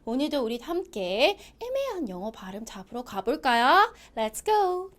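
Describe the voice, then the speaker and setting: A woman's voice: on the high side, big pitch swings, normal speed, fairly bright tone. A young woman teaching English pronunciation in a cheerful, coaxing lesson voice, often asking her listeners questions. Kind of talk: upbeat lesson narration.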